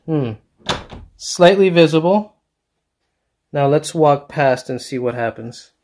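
A man's voice: on the high side, animated, slow, darkish tone. A middle-aged man giving a casual, enthusiastic walkthrough of his basement home theater, with lots of fillers and restarts, recorded on a handheld camera. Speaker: home theater hobbyist vlogger. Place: dark basement home theater room, indoors.

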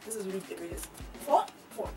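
A woman's voice: medium pitch, lively intonation, quick pace. Chatty giggly woman vlogging. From Nigeria. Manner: chatty, giggly, self-teasing. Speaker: beauty vlogger. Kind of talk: makeup tutorial vlog. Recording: roomy echo, faint music.

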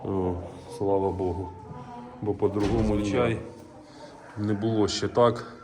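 A man's voice: fairly low pitch, steady tone, measured pace, background noise. A male farmer with a Ukrainian accent, chatting casually while walking through his cold cattle barn and cooing fondly to his cows. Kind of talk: casual farm vlog.

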